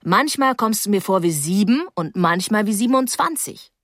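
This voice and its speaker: A woman's voice: mid-range voice, animated, moderate pace, no echo, lightly acted. Female reader voicing a cocksure teen boy, teasing big-brother tone, dry studio sound. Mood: offhand teasing. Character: tall teenage boy, cocky big-brother type.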